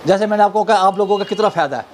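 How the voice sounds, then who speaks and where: A man with a high voice delivers an overeager sales pitch, piling up repeated assurances and offers like a teleshopping presenter. There is clear noise behind him as he talks. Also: very fast. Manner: insistent, repetitive showman-like patter. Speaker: wholesale clothing seller.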